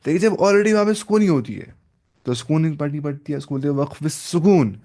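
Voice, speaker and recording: A male teacher leads a classroom-style lesson on Quran recitation rules. He keeps asking his listeners questions, then answers them himself. He stretches out Arabic words in slow chanted tones and drops English words into his explanations. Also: a little high, mellow.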